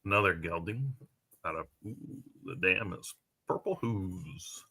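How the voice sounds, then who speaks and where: A man with a strikingly bright, forceful tone gives casual live commentary. His voice sits a little low. He chats freely, thinks out loud and often trails off mid-sentence. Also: lively intonation, measured pace, breathy edge.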